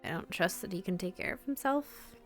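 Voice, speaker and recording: A woman's voice: on the low side, animated, fairly quick, soft background music, pitched below the performer's own voice, close to an everyday voice. A woman playing a sleepless, guilt-ridden girl in whispered role-play. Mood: weary, hushed. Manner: hushed, sighing, drained.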